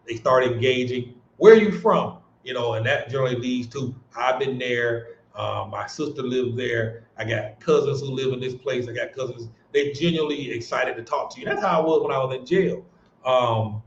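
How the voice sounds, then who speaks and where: An American man chats earnestly on a livestream, circling back and restarting his sentences as he goes. His voice sits at an ordinary middle pitch. The audio sounds roomy and a bit dull. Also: slight background noise. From United States. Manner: earnest, rambling with many restarts and fillers. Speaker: livestream host. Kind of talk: casual livestream chat.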